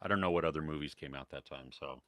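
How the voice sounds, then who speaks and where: Here the co-host's voice sits extremely low, yet it comes out fast and a bit bright, with no room sound. An American man on a live podcast, he chats loosely about movies and goes through viewer comments, laughing a lot and using many fillers in casual live-stream talk.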